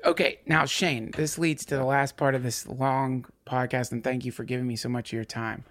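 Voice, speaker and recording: A man's voice: mid-range voice, level tone, moderate pace, a bit bright. A man hosting a podcast, talking in an emphatic, joking and profane way in casual conversation. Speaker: podcast host.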